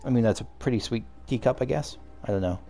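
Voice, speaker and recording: Speaking fast in a mid-range voice with a dark tone, a let's play host casually narrates his gameplay. He rambles, breaks off mid-thought, and thinks out loud over faint background music.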